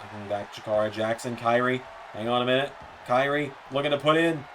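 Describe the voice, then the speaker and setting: Calling a wrestling video game play-by-play, a man talks rapidly, his excitement rising on near-falls, with slips and self-corrections along the way. His medium-pitched voice is a bit hoarse and softer than usual, with slight background noise.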